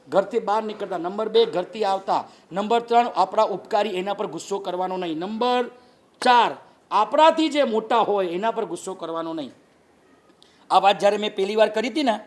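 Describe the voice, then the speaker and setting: A Jain monk preaches with a Gujarati accent and a strikingly high voice for a man. He keeps his sermon light and lively, raising his voice to act out the people in his stories. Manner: animated, acts out quoted people with raised voice. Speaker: Jain monk giving a discourse. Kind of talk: humorous sermon.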